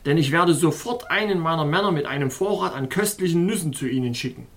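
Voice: medium pitch, lively intonation, fast talker, lightly acted. A reader voicing a male official of an ice kingdom in an audiobook, reassuring and matter-of-fact. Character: master of the meat quarries, helpful male official. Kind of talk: audiobook character voice.

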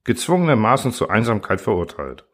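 A man's voice: fairly low pitch, very animated. A man voicing a sad old giant alien. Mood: sorrowful. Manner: sad, slow and brooding. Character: huge gentle old male uranium-eating alien. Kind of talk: audiobook character voice.

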